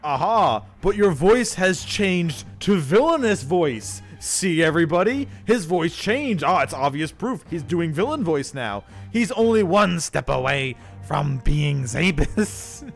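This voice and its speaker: A man's voice: a little high, expressive, unhurried, creaky, soft background music. A man giving casual, sarcastic commentary on a game he is playing. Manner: sarcastic, joking.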